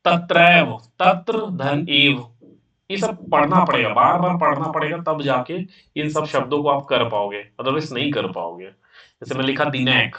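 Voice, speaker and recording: A male teacher giving an exam-prep grammar lecture, slowly repeating and breaking words into parts. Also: on the high side, sharp tone, far from the mic, dull audio. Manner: slow, repetitive, drills words by sounding them out.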